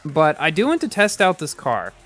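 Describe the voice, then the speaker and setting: Male live streamer, bright animated voice, casual running commentary over faint music. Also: on the high side, moderate pace. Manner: chatty, reacts aloud to the game, many restarts. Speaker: game streamer.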